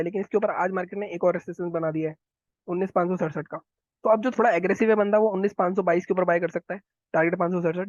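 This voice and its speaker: A man talking viewers through market charts, quick and instructive, often repeating his phrases. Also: high voice, no room sound, dull audio. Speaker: stock market analyst. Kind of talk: chart analysis walkthrough.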